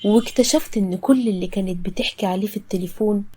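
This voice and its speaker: A woman's voice: mid-range voice, fast, warm tone, slightly rough. A woman with an Egyptian accent narrating a first-person story in a dramatic, emotional way. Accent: Egyptian Arabic.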